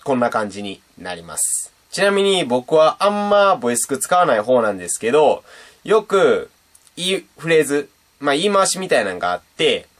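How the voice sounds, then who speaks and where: A man's voice: mid-range voice, normal speed. A young man, chatting casually as he teaches beatboxing on his channel. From Japan. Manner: chatty and animated, demonstrating sounds. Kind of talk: casual video lesson.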